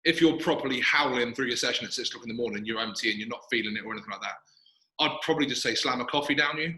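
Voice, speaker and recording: Male podcast host, quick and self-mocking, recorded with big hall echo in a gym. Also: medium pitch, sharp tone. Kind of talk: casual chat. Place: echoey gym, sitting in a squat rack. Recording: echoey gym room.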